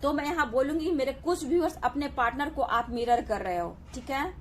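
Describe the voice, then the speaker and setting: High-voiced woman giving a tarot reading. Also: brisk, slight background noise. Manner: reassuring, repeats "ठीक है" and "dear" often. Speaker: tarot reader. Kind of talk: collective tarot reading to camera.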